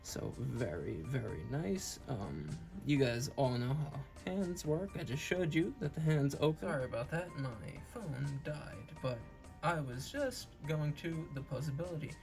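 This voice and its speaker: Creaky-voiced man talking after wisdom teeth removal. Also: a little high, expressive, measured pace, over music. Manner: earnest, enthusiastic, repetitive. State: speaking while recovering from wisdom tooth removal. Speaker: toy reviewer and channel host. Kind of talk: casual hobby review chat.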